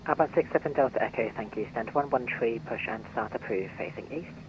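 A man's voice: medium pitch, a little fast. A man working as an air traffic controller, giving clipped, businesslike instructions over an aviation radio. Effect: heard over an aviation radio. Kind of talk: radio phraseology. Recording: dull lo-fi radio audio.

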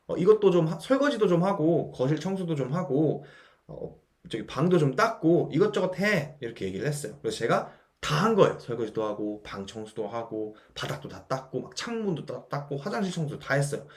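A man teaching English vocabulary in a patient lesson, explaining slowly and repeating words for practice. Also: a little high, big pitch swings. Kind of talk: language lesson.

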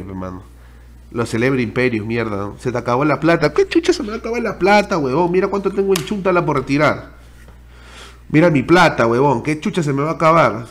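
A young man in his twenties with a Peruvian Spanish accent, a streamer telling a personal story to his viewers in slangy, profane casual talk. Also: mid-range voice. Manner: animated, slangy and profane, addresses viewers directly.

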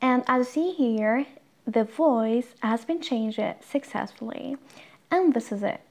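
A woman's voice: on the high side, a little slow, darkish tone. A woman hosting a tutorial channel, explaining an app fix step by step as she taps through it. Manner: plain instructional, talks through each tap. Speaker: tutorial host.

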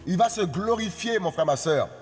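A man's voice: high voice, animated, normal speed, big-room sound, soft background music. A man preaching a sermon, exhorting his listeners in a repetitive, singsong cadence.

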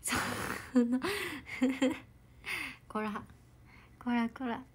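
A young woman idol chatting casually on a livestream, bubbly and giggly, soft-spoken as she reads out viewer comments. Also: fairly high pitch, level tone, slow.

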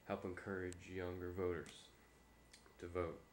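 A young man who is sick with a stuffy nose, giving a low-key, hesitant, rambling vlog update into a webcam. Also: level tone, unhurried, a little hiss or hum. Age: young adult. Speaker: vlogger and amateur filmmaker. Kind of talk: casual, unscripted update vlog. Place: small room indoors. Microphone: webcam or laptop mic at arm's length.

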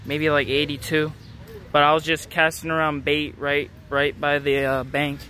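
Filming on a handheld phone at the edge of a city pond, a young fishing vlogger talks casually to viewers about his catches. His voice is on the high side, monotone, pushed and bright, at normal speed. Slight background noise is audible.

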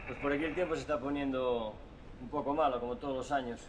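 A man's voice: mid-range voice, steady tone, quick pace. A man with a Spanish accent reporting matter-of-factly over a ship's radio. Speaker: ship radio operator. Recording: distant noisy radio link.

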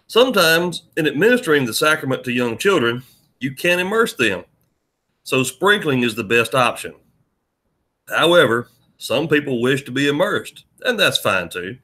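A man's voice: medium pitch, big pitch swings, moderate pace, bright, forceful tone, voice pushed up. A man voicing a jovial, pleasant minister with an easygoing, accommodating manner.

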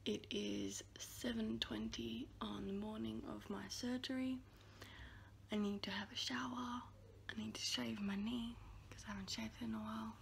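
A woman's voice: on the high side, steady tone, normal speed, gravelly, a little hiss or hum. A young woman whispering a nervous early-morning vlog on her phone.

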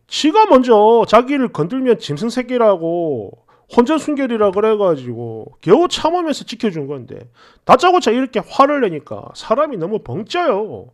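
A young man narrating a story in a chatty, exasperated way. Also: very high voice.

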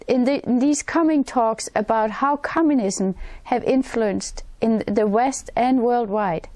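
A Danish woman in her sixties hosts her own channel, speaking straight to the camera in a plain, earnest, slightly halting way with a Danish accent. She's framed head and shoulders indoors against a wintry forest backdrop. Her voice is on the high side and a little mellow, with no room sound.

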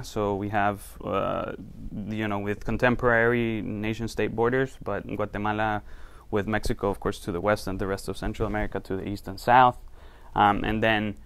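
This is a man from Costa Rica giving a university talk on his research to a small group in a lecture room. His voice sits on the low side yet sounds fairly bright and smooth, and he speaks loosely and conversationally, using many fillers.

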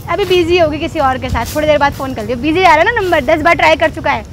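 High-voiced taunting young woman. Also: quick pace, faint music behind. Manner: taunting, then shrill yelling. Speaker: prank video creator. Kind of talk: staged prank argument. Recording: outdoor noise behind.

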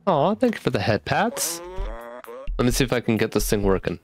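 A man's voice: medium pitch, big pitch swings, brisk, faint music behind. A man voicing a hopeful, earnest small robot companion, reading game lines aloud in a raised voice.

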